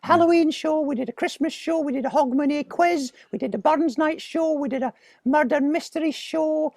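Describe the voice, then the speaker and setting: Goofy muffled Scottish falsetto sock puppet. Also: male voice, normal speed, creaky, a little mellow, no echo, studio quality. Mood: chatty. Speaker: guest comedian. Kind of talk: casual interview chat.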